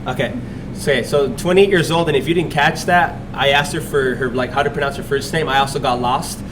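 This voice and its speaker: A man hosting a casual interview podcast in a restaurant, speaking in a relaxed way with many fillers and restarts. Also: medium pitch, a little fast, recorded from a distance, background noise. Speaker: podcast host. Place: restaurant dining room.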